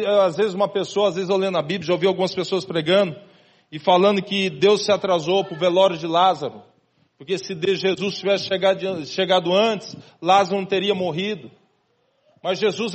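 A male pastor preaching with a high, husky voice. He keeps it conversational, stepping aside to speak straight to the congregation as brothers. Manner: conversational preaching, calls listeners "irmão". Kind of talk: sermon.

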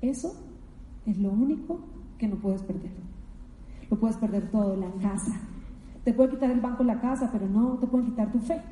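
A woman's voice: a little high, moderate pace, long pauses, dark tone, slight background noise. A middle-aged woman from Colombia giving an emotional, emphatic motivational talk, telling her story with many repetitions. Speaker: motivational speaker. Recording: echoey hall with long reverb.

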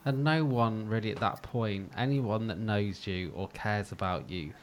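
A man with a low voice speaks gently and reassuringly as the interviewer. There is a faint hiss of noise in the recording. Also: unhurried. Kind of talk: supportive conversation.

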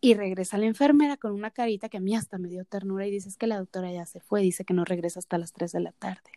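Mellow-voiced woman telling a story. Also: mid-range voice, quick pace, no room sound. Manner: animated, acts out quoted dialogue. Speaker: podcast co-host. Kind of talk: casual storytelling chat.

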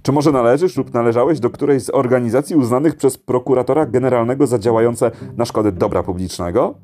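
A man voicing a brash, cheerful male late-night radio DJ with booming, preachy, folksy patter. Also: fast, mellow, close to an everyday voice. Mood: jovial.

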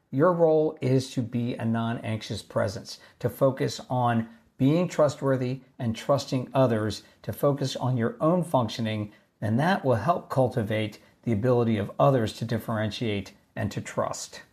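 A man with a mid-range voice hosts his own podcast, explaining ideas in a calm and measured way. He is recording away from home on a basic video-call mic, so the sound comes across as a low-quality stream rather than a clean studio recording. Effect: lower-quality laptop mic instead of his usual studio mic. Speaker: podcast host. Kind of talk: solo podcast talk on leadership. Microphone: basic mic normally used for video calls.

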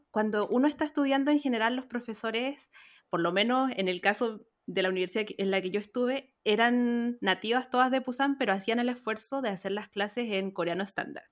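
A woman hosting a relaxed group chat, laughing often as she talks. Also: mid-range voice. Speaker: host. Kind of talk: casual panel chat.

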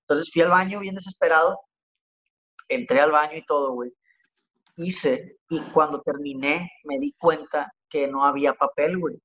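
High-voiced Mexican man, slangy storyteller. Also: normal speed, fairly bright tone. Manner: slangy, rambling, packs "güey" into every sentence. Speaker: podcast guest. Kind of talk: casual storytelling chat. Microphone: remote call audio. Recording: lo-fi remote call.

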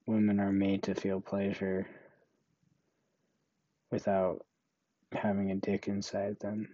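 A young man talks alone into a home podcast mic, slow and flat, turning his thoughts over as he goes. His voice is low, mellow and dry, and the recording sounds a little dull and muffled. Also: no echo. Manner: slow, monotone, musing. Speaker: podcast host. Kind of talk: solo podcast monologue.

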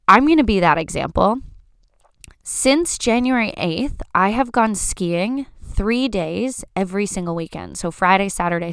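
Chatty podcast host woman, smooth voice. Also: medium pitch, dry recording, studio quality. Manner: chatty, fills talk with "like". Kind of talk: casual solo podcast chat.

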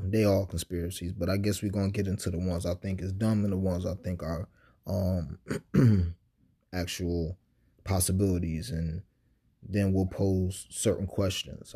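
Husky-voiced sarcastic podcast host. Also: male voice, deep voice. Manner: sarcastic, animated, conversational with slang and frequent "you know what I'm saying". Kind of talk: casual podcast monologue.

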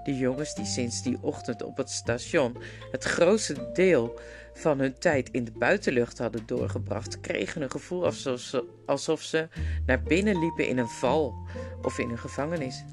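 An audiobook reader narrating a children's fantasy story in a steady storytelling voice, with guitar music underneath. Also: medium pitch, normal speed. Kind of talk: scripted narration.

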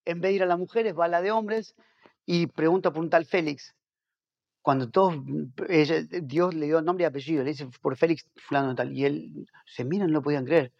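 A man's voice: a little high, muffled recording. A man, a pastor and missionary, telling stories as a guest in a casual interview, restarting and repeating words as he goes. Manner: rapid, animated storytelling with many restarts and repeated words.

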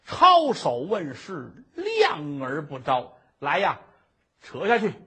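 A man doing a pompous, bullying old-time judge, barking orders in a husky, bright voice that swoops wildly up and down. The storyteller plays him with scorn and bluster. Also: fairly high pitch, wildly swooping pitch, slow pace, full character voice. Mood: scornful. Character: stern, bullying male high court judge.

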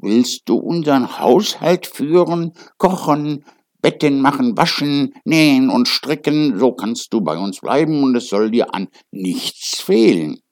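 A man voicing seven kindly little male dwarfs in a storybook reading, in a raised, louder questioning voice. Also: medium pitch, lively intonation, measured pace, voice pushed up, natural voice.

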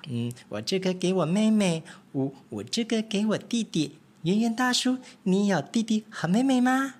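A man's voice: sits high, animated, normal speed, voice pushed up. A man voicing three small, eager little mice in a children's storybook reading, with chirpy, cheerful questions.

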